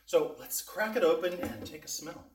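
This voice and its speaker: A man's voice: on the high side, normal speed. A man hosting a casual cooking vlog, chatting to viewers in a folksy way. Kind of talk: casual taste-test and cooking demonstration. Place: indoors in a kitchen. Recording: roomy echo, distant microphone.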